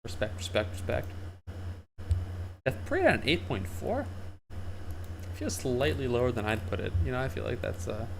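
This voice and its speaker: A man's voice: mid-range voice, huge pitch swings, normal speed, vocal fry, long pauses, background noise. A man chatting casually on a livestream, giving blunt opinions in slangy, sweary language. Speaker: livestreamer reacting to viewers' anime lists. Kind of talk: casual stream chat and commentary.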